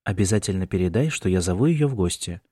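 A man's voice: sits low, animated, fast, dark tone, slightly rough, dry recording, clean studio sound. A male narrator voicing a worried middle-aged mother who keeps fussing over her son in an audiobook. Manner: anxious, insistent and fussing.

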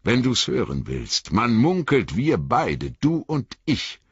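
A man reading an audiobook, voicing an old, grave and cautious male wizard who speaks in measured warnings. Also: mid-range voice, huge pitch swings, husky, no echo, pitched above the performer's own voice, heavily acted. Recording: dull lo-fi audiobook recording.

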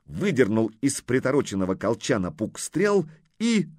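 A man narrates an audiobook, delivering the scripted text in an expressive storytelling style. His voice is mid-range at a normal speed, and the recording is studio quality with no echo.

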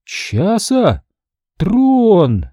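Man doing a tense, pleading woman navigator; high, animated, urgent. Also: very slow, breathy edge, no echo, studio quality, exaggerated voice. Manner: urgent, strained, at times shouting. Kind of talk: audiobook character reading.

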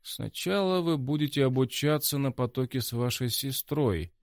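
A man's voice: medium pitch, moderate pace, no room sound, clean studio sound, voice pushed up, close to an everyday voice. A man voicing a pompous, gloomy male academy director who speaks coldly. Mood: formal. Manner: stern and cold, then yelling.

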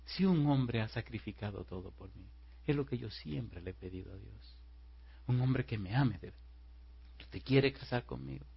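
A man's voice: a little high, expressive, quick pace, slightly rough, pitched above the performer's own voice. A pastor voicing a young woman who presses and pleads, with a slightly raised voice. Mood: earnest. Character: young woman, insistent and emotional. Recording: muffled lo-fi recording.

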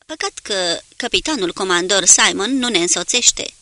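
Lady reading as a tired navy navigator, bright voice. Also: medium pitch, dry recording. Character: tired male navigation officer, smiling.

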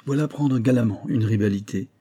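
A man's voice: fairly low pitch, a little fast, mellow, husky. A man reading an audiobook, voicing a boastful, fawning old army major with a blustering manner. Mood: proud. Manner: blustering, eager to please.

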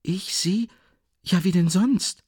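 A man's voice: on the high side, expressive, normal speed, darkish tone, no room sound, studio quality, pitched above the performer's own voice, exaggerated voice. A man voicing a timid, anguished young woman. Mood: pleading, distraught. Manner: breathy, rising, pleading.

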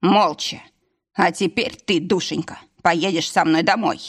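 A woman's voice: fairly low pitch, steady tone, a little slow, slightly rough. A woman voicing a curt, domineering husband. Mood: commanding. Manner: curt, commanding. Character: angry, domineering young husband.

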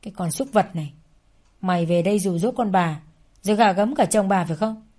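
A woman voicing a cruel, abusive older mother-in-law who hurls insults in a shrill, fast, venomous voice. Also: dark tone, close to an everyday voice. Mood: venomous, screaming.

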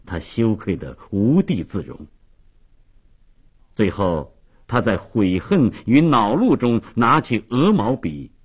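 A man telling a long story on radio with dramatic, lively delivery. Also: on the low side, slow pace, breathy edge, muffled recording.

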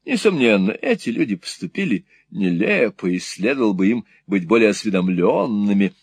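A man's voice: lowish voice, sing-song, normal speed, slightly rough, full character voice. A man voicing a fussy, long-winded middle-aged mother who rambles in a prim, flustered way. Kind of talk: audiobook character voice.

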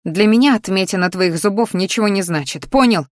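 A woman voicing a defiant young woman who snaps back with sharp, scornful retorts. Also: mid-range voice, normal speed, no room sound, clean studio sound, lightly acted.

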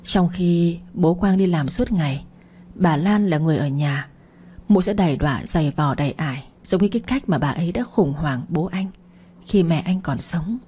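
Low, husky female storyteller. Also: normal speed, warm tone. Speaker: narrator. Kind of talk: storytelling narration.

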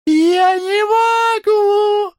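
Guy doing a high shrieky young barmaid, squealing and pleading, voice jumps way up. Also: expressive, normal speed, no room sound, studio quality, close to an everyday voice. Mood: shrieking laughter. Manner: shrill pleading, breaks into squeals. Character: young barmaid, squealing, giggly, easily disgusted.

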